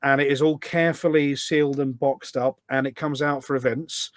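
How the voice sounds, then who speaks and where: With a level tone and moderate pace, a medium-pitched middle-aged man talks at length as a podcast guest. He is a volunteer event organiser in a casual conversational interview, explaining things through anecdotes, recorded with no echo.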